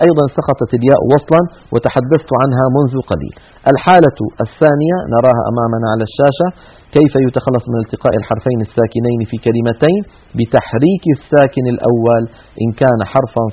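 Man explaining grammar on a televised lesson, brisk, narrow tinny audio. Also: medium pitch, husky. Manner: explains slowly, reads examples aloud with emphasis, repeats points. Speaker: teacher. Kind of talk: Quranic Arabic grammar lesson. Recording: tinny phone-like broadcast sound.

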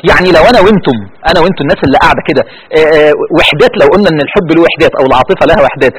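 A man with an Egyptian Arabic accent giving a religious lecture to young women, swinging between loud urging and hushed pleading. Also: fairly high pitch, racing, rough recording. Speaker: preacher.

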